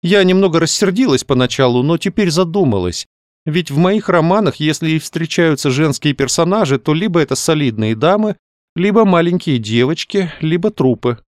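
A man reading aloud, voicing a lively, excitable young woman novelist in a raised, animated voice. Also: on the high side, moderate pace, no echo, clean studio sound, pitched above the performer's own voice, close to an everyday voice. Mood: distracted, musing.

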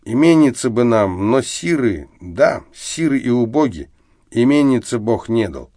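A man's voice: medium pitch, very animated, a little slow, dark tone, no room sound, studio quality, voice pushed up. A man voicing a drunk, bitter middle-aged academic who rants and slurs, slipping into lisping baby talk. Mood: maudlin boasting. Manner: slurred, ranting drunk outbursts, lapses into lisping baby talk.

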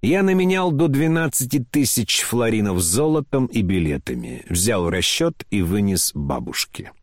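A man's voice: lowish voice, sing-song, moderate pace, no room sound, clean studio sound. A man narrating a classic novel as an audiobook, telling the story with dramatic expression.

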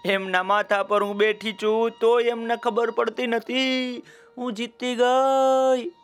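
A man voicing a small, playful, boastful female ant in a children's story, speaking in a high sing-song way. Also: fairly even intonation, unhurried, fairly bright tone, clean tone, soft background music. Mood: gloating.

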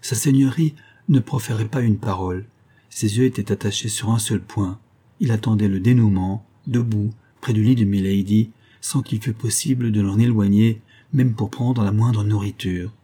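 Low, husky-toned male audiobook reader. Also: normal speed, dark tone. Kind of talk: scripted literary narration.

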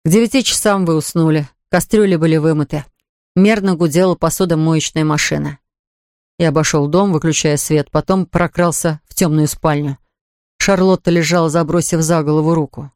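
A man's voice: a little high, normal speed, clean tone, no room sound. Man reading a novel aloud, dry sound. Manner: even, plain reading with dialogue. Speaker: audiobook narrator. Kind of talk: scripted narration.

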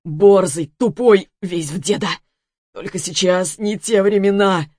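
A woman voicing a poisoned rich man who shouts and curses in a weak, wheezing voice. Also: unhurried, no room sound, clean studio sound. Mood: hoarse confession. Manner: shrill shouting, cursing.

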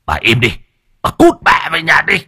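Man voicing a middle-aged village chief, stammering, gruff, lively swings in pitch, dry close sound. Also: moderate pace, no echo, full character voice. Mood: angry. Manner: stammering when scared, gruff when angry. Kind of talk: storybook narration.

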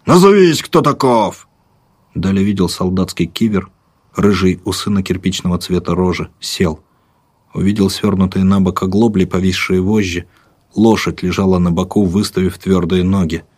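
A man narrating an audiobook in a measured, vivid, rhythmic way. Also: low voice, level tone, darkish tone, slightly rough.

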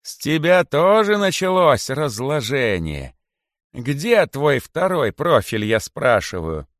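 Guy doing a grand old python king, high and stretched out, drags each word, wails and yells in mock despair, dry sound. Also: sing-song, dry recording, exaggerated voice. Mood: bitter wailing. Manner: slow, drawn-out, wailing declamation. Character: old male python king, bitter and theatrical.

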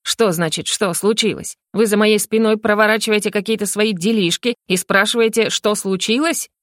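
A woman reading an audiobook plays a tired, suspicious older male rector shouting accusations. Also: mid-range voice, fairly even intonation, a little fast, no echo, clean studio sound, natural voice. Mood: angry.

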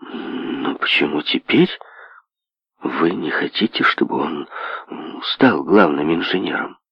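A man reading an audiobook, dropping his voice low and hushed to play an indulgent, evasive rich tycoon who placates his daughter. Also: sing-song, takes it slowly, no room sound, full character voice. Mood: placating. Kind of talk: audiobook character voice. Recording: dull lo-fi audio.

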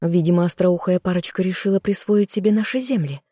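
An audiobook reader voicing a furious, spiteful noblewoman, the king's sister, who scolds in sharp outbursts. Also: fairly even intonation, dry recording, studio quality, lightly acted. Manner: shrill, scolding, quick outbursts. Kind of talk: audiobook role reading.

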